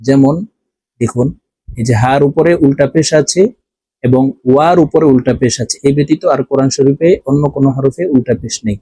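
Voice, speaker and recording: A man with a Bangladeshi Bengali accent, teaching Quran reading with slow, drawn-out syllable drills and repeated words. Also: mid-range voice, mellow, no room sound. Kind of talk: step-by-step recitation lesson.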